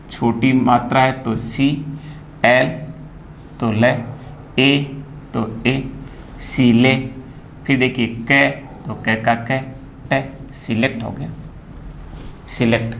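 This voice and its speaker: Slow-spoken male teacher. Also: mid-range voice, flat delivery, vocal fry, a bit bright, a little hiss or hum. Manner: slow, drawn-out spelling of words, repeating sounds. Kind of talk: phonetics lesson.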